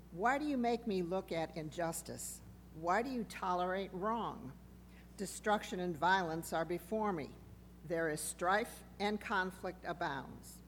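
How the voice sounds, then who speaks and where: A woman reading scripture at a church service, speaking into a pulpit microphone in a measured, formal way. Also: fairly low pitch. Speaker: lay reader. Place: church sanctuary. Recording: reverberant church with faint hum.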